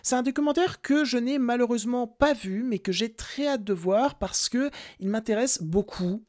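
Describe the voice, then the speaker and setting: A woman's voice: fairly high pitch, normal speed, a little mellow. A young woman hosting a film podcast, talking casually with self-mocking jokes and asides. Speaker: podcast host.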